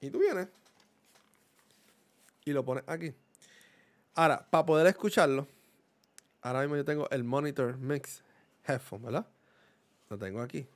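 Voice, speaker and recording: A gaming YouTuber with a Puerto Rican Spanish accent reviews a microphone at home, casually explaining its settings into a desk condenser mic. His mid-range voice moves at a moderate pace with frequent pauses, and he often asks whether the listener is following while slipping in English words.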